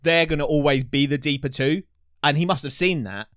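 A man's voice: a little high, fairly quick, fairly bright tone, no room sound, studio quality. A man co-hosting a casual football podcast, laid-back and agreeable, swearing casually. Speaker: podcast co-host.

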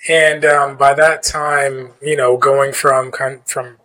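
A man's voice: medium pitch, little pitch movement, slow pace, sharp tone, low-quality recording. A man hosting a podcast interview, encouraging his guest with frequent "yeah" and "mm-hmm". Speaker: podcast host.

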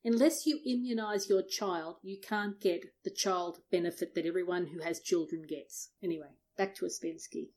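A woman's voice: on the low side, fairly even intonation, moderate pace, hardly any pauses, darkish tone. A woman on a call, chatting casually about a book and commenting on passages she reads aloud. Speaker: discussion partner.

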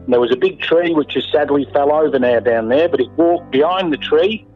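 A man's voice: fairly high pitch, brisk. A middle-aged Australian man telling a story in a casual, emphatic way, swearing freely and repeating himself. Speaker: interviewee, landowner. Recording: phone-like line with faint music.

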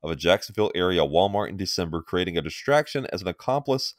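A man's voice: deep voice, expressive, quick pace, no echo, studio quality. A man co-hosting a sports podcast in a casual, opinionated way, often laughing. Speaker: podcast co-host.

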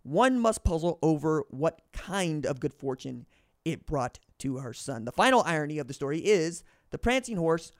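Reading a book on his podcast with personal asides, this native English-speaking host sounds very animated at a moderate pace, his voice fairly high. He trips over words and fixes them as he goes, captured close up with no echo.

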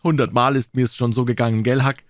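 A man voicing Tom, a boastful young boy who talks in a high, excited voice. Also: fast, no room sound, studio quality, natural voice.

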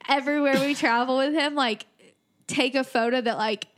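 A woman's voice: high voice, fairly even intonation. A woman co-hosting a podcast in casual chat, bubbly and playful with a slightly nasal voice. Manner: bubbly, playful, quick to laugh. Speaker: podcast co-host.

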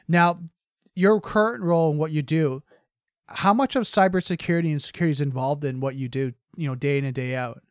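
Upbeat male podcast host, quick and smooth, close dry mic. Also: on the high side, no echo. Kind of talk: casual interview chat.

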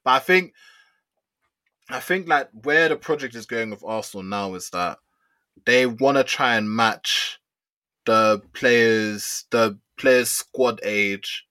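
A man's voice: mid-range voice, animated, takes it slowly, sharp tone. A young man with a London roadman accent, debating football casually in slang peppered with "bro", "man" and "yeah". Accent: London, urban street slang (roadman).

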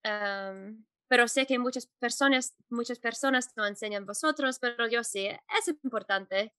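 A woman Spanish teacher answering interview questions, pausing often with fillers and correcting herself as she goes. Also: on the high side, sharp tone, clear, resonant tone, no echo. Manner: hesitant, many fillers and self-corrections.

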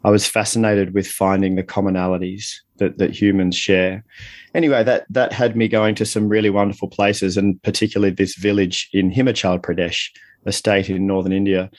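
A man's voice: low voice, level tone, a little fast, no room sound. A middle-aged man speaking reflectively as an interview guest, explaining and telling stories in a conversational way. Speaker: interview guest, leadership coach.

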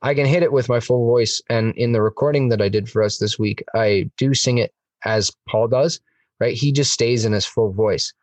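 A man's voice: mid-range voice, moderate pace, dry recording, distant mic. A man chatting on a music podcast, enthusiastic and rambling, with lots of fillers. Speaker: podcast host. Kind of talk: casual music podcast chat.

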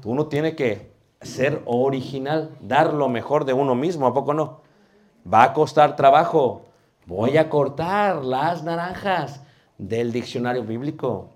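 A preaching instructor with a Mexican Spanish accent teaches a lively class in a slow, mid-range voice. He's animated, tossing out rhetorical questions and homely comparisons to cooking.

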